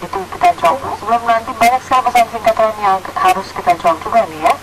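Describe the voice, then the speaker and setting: A woman's voice: a little high, very fast. A woman hosting a live call-in show, addressing guests and reading out listener messages. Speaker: radio call-in host. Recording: very noisy radio-like recording.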